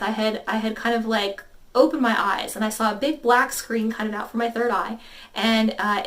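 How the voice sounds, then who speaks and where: Recorded from a distance, a woman in her thirties with a higher-pitched voice tells a personal story to camera. She's a tarot reader, and her casual storytelling rambles, packed with fillers and quoted dialogue.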